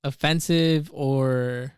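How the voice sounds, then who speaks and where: A man's voice: medium pitch, fairly even intonation, very slow, clear, resonant tone, dry recording, studio quality. A young man co-hosting a podcast, telling a rambling story full of fillers and swearing. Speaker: podcast co-host. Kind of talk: casual chat.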